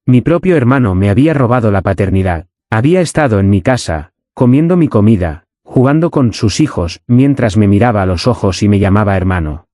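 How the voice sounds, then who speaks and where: A man's voice: on the low side, expressive, brisk, hardly any pauses, warm tone, no echo, studio quality. A man narrating a dramatic first-person story with an intense delivery.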